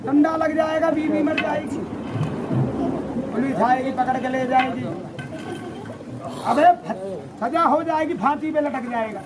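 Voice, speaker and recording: A man's voice: very high voice, a little slow, pauses often. A man performing a rowdy, teasing comic street show for a crowd, switching between the voices of his characters. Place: outdoors on a busy street. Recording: noisy outdoor crowd recording.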